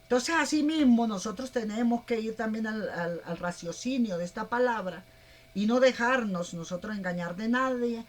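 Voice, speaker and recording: A woman preacher, giving a rambling, animated sermon. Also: mid-range voice. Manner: animated, rambling, plays out voices.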